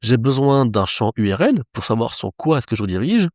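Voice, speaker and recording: A man's voice: mid-range voice, sing-song, brisk, darkish tone, no room sound, clean studio sound. A man teaching web development, explaining each step of a screen-recorded tutorial to his viewers.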